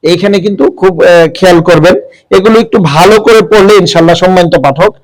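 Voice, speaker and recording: A man teaching readers how to pronounce letters, drawing out his example words slowly, with frequent "ah" fillers. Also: high-pitched, low-quality recording. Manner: slow, drawn-out demonstration of pronunciations with frequent "ah" fillers. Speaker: Quran reading teacher. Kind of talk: explanatory recitation lesson.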